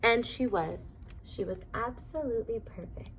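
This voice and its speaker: A woman reading a children's storybook aloud in an expressive, measured way. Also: on the high side, background noise. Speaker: storybook reader.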